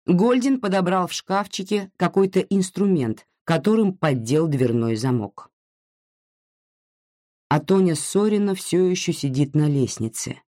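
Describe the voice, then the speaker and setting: A narrator reading a literary story in a steady, even manner. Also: medium pitch, unhurried, dry recording, clean studio sound.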